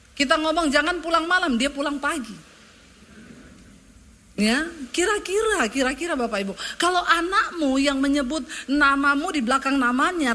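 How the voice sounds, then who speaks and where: A woman pastor preaching a sermon, leading a prayer and then telling stories with rising, lively emphasis. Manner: lively, rises high when telling stories.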